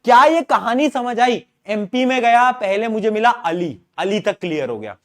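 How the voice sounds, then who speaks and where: A man teaching an online science class in speech, asking students questions and using stories as memory aids, often clearing his throat. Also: high voice, lively intonation, moderate pace. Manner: asks students questions, uses story mnemonics.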